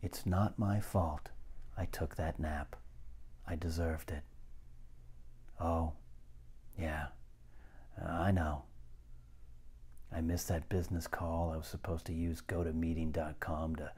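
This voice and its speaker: A man in his forties hosting a comic motivational show, giving a deadpan, mock-soothing affirmation pep talk in a soft, breathy, half-whispered voice. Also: extremely low pitch, slow, pauses often. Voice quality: soft, breathy, husky, at times dropping to a whisper. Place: living room.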